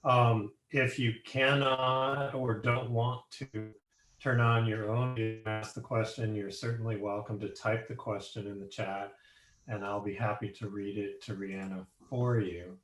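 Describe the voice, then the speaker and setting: A man's voice: fairly low pitch, level tone, unhurried, a bit bright, a little hiss or hum. Casual man moderating questions, echoey sound. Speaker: moderator of a defense question session. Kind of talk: informal moderating, reading out questions.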